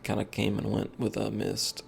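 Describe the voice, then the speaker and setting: A man's voice: fairly low pitch, completely flat delivery, moderate pace, vocal fry, a little hiss or hum. A tired man streaming a game, rambling and thinking aloud with lots of fillers as he comments casually.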